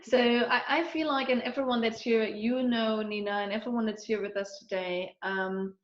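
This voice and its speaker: A woman in her forties who grew up in Eastern Germany talks through her story in a loose, chatty way, with lots of fillers and restarts. Her voice sits a little high. The audio is roomy and dull, like a lo-fi call. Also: fairly even intonation, moderate pace. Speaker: guest. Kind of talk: casual conversational interview.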